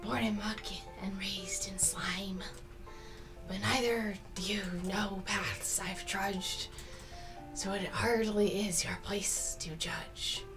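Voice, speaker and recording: A woman voicing an odd, brooding male fisherman in whispered role-play, with a breathy whisper and slow, hushed recitation. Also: mid-range voice, steady tone. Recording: music playing clearly behind.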